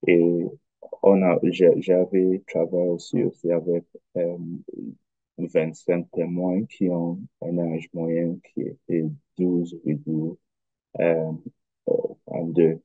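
A man with a foreign accent in French, a non-native speaker giving an academic presentation in halting, careful phrases over a video call. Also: deep voice, completely flat delivery, mellow, no room sound, muffled recording. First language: not French. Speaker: researcher presenting a study.

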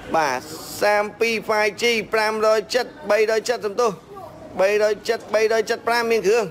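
A high-pitched man from Cambodia works through his shop's phone models and prices in a steady, practiced patter. He sounds like a seller doing a price rundown, with a faint noise of the shop behind him.

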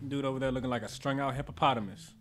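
A man giving joking, slangy commentary as he plays through a video game, with loud reactions. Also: medium pitch, fairly even intonation, very fast, faint music behind. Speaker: gaming channel host. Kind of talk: casual playthrough commentary.

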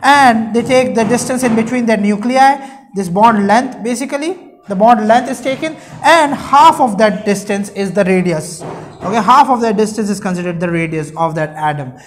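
A man's voice: high voice, normal speed, slight background noise. A young man gives an explanatory classroom lecture. He teaches by posing questions and answering them himself, adding short check-in tags as he goes. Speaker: chemistry teacher. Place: indoor room at a whiteboard.

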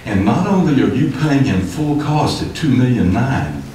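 An older developer speaks at the podium of an indoor city commission chamber, his medium-pitched voice expressive and dark at normal speed, gesturing emphatically and getting heated. The podium microphone catches him from a distance in the echoey hall, with a little hiss or hum.

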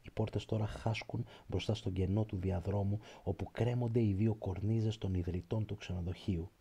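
A man reading a literary prose audiobook in a slow, measured, reflective way. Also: fairly low pitch, steady tone, creaky, dark tone, husky. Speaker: audiobook narrator.

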